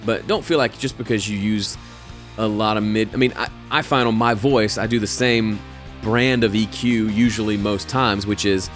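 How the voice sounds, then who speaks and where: Soft background music plays as a man with a fairly low, slightly nasal voice fields listener questions on his show, recorded at home. He speaks at a moderate pace, giving casual advice in a relaxed, conversational way with fillers and restarts.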